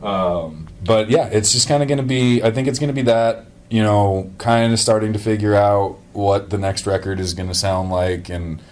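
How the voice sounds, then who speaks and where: A man's voice: on the low side, moderate pace, hardly any pauses, a little mellow. A man, a metal band member, talking casually and rambling in an interview, laughing easily. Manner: rambling, lots of fillers and restarts, laughs easily.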